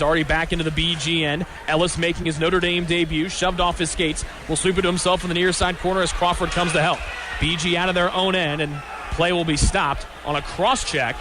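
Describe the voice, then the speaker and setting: A man with a voice on the high side calls hockey play-by-play live on radio from the arena, over background noise. He sketches the action in brief, descriptive fragments.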